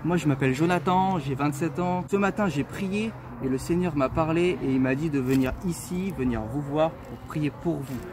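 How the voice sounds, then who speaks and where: A man in his twenties from France, telling a personal faith story in an earnest, halting way with many fillers. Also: on the high side. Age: 20s. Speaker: testimony speaker. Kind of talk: casual personal testimony. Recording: clear street noise behind.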